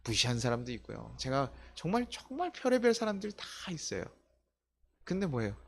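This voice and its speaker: A man's voice: medium pitch, sing-song, a little fast, creaky, fairly bright tone. A middle-aged man preaching a sermon in a church, talking in a conversational way, asking his listeners questions and acting out the voices of the people he quotes. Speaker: pastor. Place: church sanctuary.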